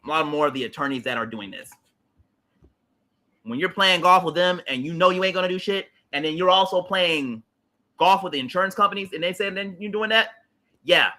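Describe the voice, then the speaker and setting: This late-30s man hosts a livestream, his fairly high-pitched, sharp voice carrying a heated political rant. He's emphatic and repetitive, with blunt swearing throughout.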